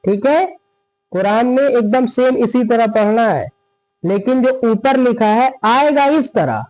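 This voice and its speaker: High pitched guy teaching quran reading, slow drawn-out syllables, dry close sound. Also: a little mellow, dry recording, rough recording. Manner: slow, drawn-out spelling of syllables, repeats words often; asks the viewers questions and answers them himself. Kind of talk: step-by-step recitation lesson.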